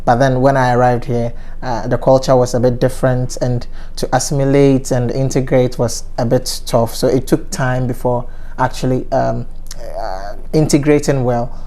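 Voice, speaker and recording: A man from Ghana, in his thirties, hosts a relaxed conversation. His voice is dark and mellow. He talks in a measured way and often pauses, restarts and uses fillers. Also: mid-range voice. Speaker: interview host. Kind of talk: casual conversational interview.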